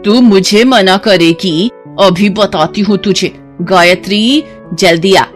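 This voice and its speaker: A bullying older mother-in-law from an animated storybook, barking orders in a slow, heavy, scolding voice, as a woman storyteller puts her on. She talks down to everyone around her. Soft music plays underneath. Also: medium pitch, natural voice. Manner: scolding, commanding.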